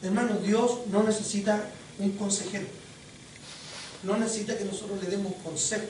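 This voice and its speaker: A preacher gives a sermon in an animated storytelling manner and keeps quizzing the congregation. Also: mid-range voice, normal speed. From Chile. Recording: very echoey hall, distant mic, faint noise.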